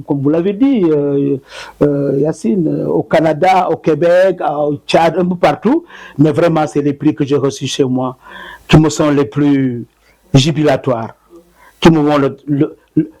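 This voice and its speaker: Hesitant, higher-pitched man poet. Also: dark tone, poor audio. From Senegal. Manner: hesitant, many fillers and repeated words, counts syllables aloud. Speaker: poet, interview guest. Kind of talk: conversational interview answers.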